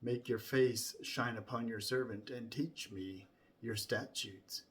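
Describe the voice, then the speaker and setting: A man reciting scripture from memory in a solemn, deliberate way, starting phrases with emphasis and softening toward the ends. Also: medium pitch, fairly even intonation.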